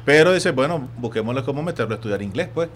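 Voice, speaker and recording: A man with a Nicaraguan Spanish accent hosting a sports radio talk show, telling stories in an animated way and acting out other people's voices. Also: mid-range voice, quick pace, a little hiss or hum. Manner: animated storytelling, acts out quoted voices. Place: radio studio.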